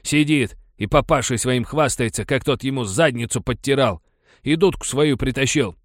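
A man voicing a furious, bullying male miner foreman who shouts coarse threats. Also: medium pitch, big pitch swings, slow, no echo, clean studio sound, voice pushed up. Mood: enraged.

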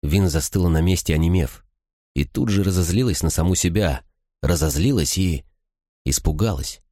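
A man narrating an audiobook in an expressive storytelling manner. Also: low-pitched, normal speed, no room sound, studio quality. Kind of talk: scripted narration.

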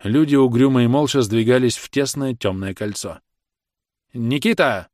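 A man narrating a classic novel in a measured, dramatic reading. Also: mid-range voice, warm tone, dry recording, clean studio sound. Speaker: audiobook narrator. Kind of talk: scripted audiobook narration.

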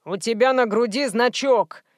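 A woman's voice: no room sound, clean studio sound, close to an everyday voice. Woman playing a droning stubborn shopper man. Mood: indignant. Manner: slow, droning, lower than narration. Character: grumbling middle-aged male shopper, slow and stubborn.

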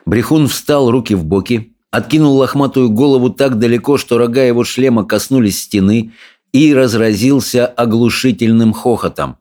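A man narrating a children's storybook in a measured, storytelling way. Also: medium pitch, warm tone. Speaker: audiobook narrator. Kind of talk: scripted narration.

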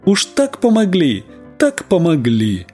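A man voicing a flattering peasant woman of about thirty in a sing-song, fawning manner. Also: lowish voice, slow, husky, soft background music, voice pushed up, full character voice. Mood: wheedling.

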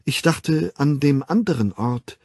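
A man's voice: a little high, expressive, unhurried, a little mellow, dry recording, clean studio sound, voice pushed up. A man voicing an earnest, lonely young man in an audiobook. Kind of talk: audiobook reading.

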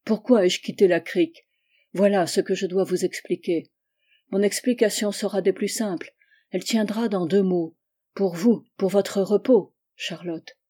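A woman's voice: medium pitch, a little slow, lightly acted. A woman reading as an insistent young lover. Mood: pressing. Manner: forceful, pressing. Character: insistent passionate young man declaring love. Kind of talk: audiobook reading of a novel.

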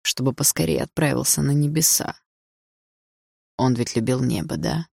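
A woman's voice: very deep voice, normal speed, creaky, a little mellow, husky, dry recording, studio quality, full character voice. A woman reading an audiobook, voicing a smug, possessive adult man who taunts coldly and sneers. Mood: smug menacing.

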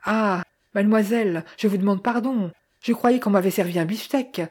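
A woman's voice: mid-range voice, normal speed, a little mellow, lightly acted. A woman voicing a polite, joking young man in an audiobook, courteous and wry.

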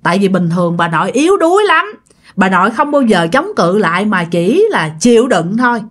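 A woman's voice: mid-range voice, a little fast. A woman with a Southern Vietnamese accent telling a ghost story casually, acting out quoted voices. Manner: animated, acts out quoted voices.

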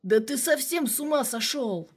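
A woman voicing a hot-tempered older male police colonel who talks loud and blustering on the phone. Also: mid-range voice, moderate pace, close to an everyday voice. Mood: gruff.

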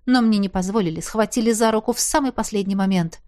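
A woman's voice: mid-range voice, quick pace, dark tone. A woman reading a fantasy romance audiobook in the first person, with an emotional, urgent manner. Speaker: audiobook narrator.

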